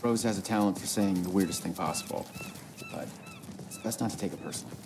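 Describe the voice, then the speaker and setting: An actor playing an easygoing small-town sheriff in a video game, laid-back, dry and folksy. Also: male voice, deep voice, quick pace, lightly acted. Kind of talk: naturalistic video game acting. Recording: noisy ambient background.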